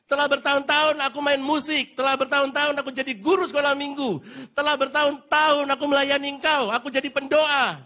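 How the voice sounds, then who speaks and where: Raised high and strained, this is a self-righteous elder son, acted out by a male preacher mid-sermon. He lists his merits in an indignant, complaining tone. The voice stays bright and slightly husky. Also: fast talker, hardly any pauses, exaggerated voice. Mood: resentful.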